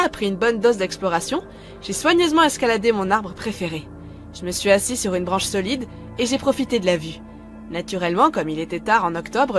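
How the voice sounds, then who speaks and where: A woman narrating a first-person horror story in a calm, measured way, scripted. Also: medium pitch.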